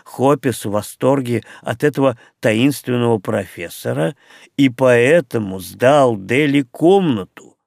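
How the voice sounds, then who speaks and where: A man's voice: mid-range voice, animated, measured pace, vocal fry, a little mellow, no echo. Man reading as baffled young man, exasperated, dry close sound. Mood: puzzled.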